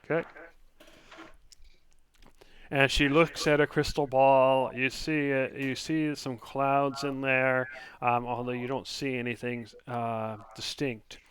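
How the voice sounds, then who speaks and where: A man runs a tabletop game as game master. His voice is mid-pitched, and he improvises the narration haltingly, pausing as he builds each scene. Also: level tone, fairly bright tone, slight background noise.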